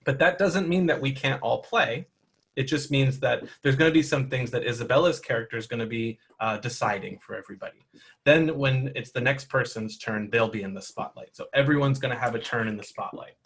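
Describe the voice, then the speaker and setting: A man's voice: mid-range voice, fairly quick, fairly bright tone. A man running a tabletop role-playing game for children, explaining the rules patiently and encouraging the players. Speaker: game master.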